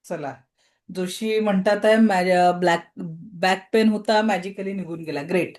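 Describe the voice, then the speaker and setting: A woman teaching an online reiki class, giving calm, repetitive guided-healing commands over a video call. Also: medium pitch, unhurried.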